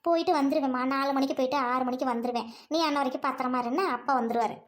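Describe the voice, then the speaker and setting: A gentle, fussing village mother, acted by a woman in a family skit. She speaks softly and coaxingly in a high voice, with a rural way of talking. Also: steady tone, racing, close to an everyday voice. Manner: soft, coaxing, rural Tamil speech.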